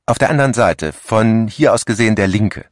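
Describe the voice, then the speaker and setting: An uneasy middle-aged office worker who muses aloud in a hesitant way, read by a man in his own very low voice. The recording is dry, with no room sound. It sounds like an audiobook. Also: fairly quick, no echo, close to an everyday voice. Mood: musing. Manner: hesitant, musing.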